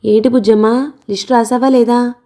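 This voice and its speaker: A woman's voice: mid-range voice, fairly even intonation, normal speed, lightly acted. A woman doing a nagging village auntie. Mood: scolding, teasing. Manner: scolding and grumbling, shouts often. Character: loud, nagging, teasing middle-aged village woman.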